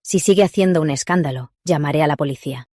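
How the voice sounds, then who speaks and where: A woman's voice: deep voice, quick pace, warm tone, no room sound, studio quality. A woman voicing a composed young female surgeon who explains steadily and firmly, in a Spanish drama dub.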